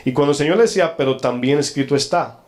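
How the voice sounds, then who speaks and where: A man's voice: on the high side, fast, a little mellow. Man preaching a sermon. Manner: preaching to a congregation, asking them questions often; acts out quoted lines in a changed voice. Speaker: pastor.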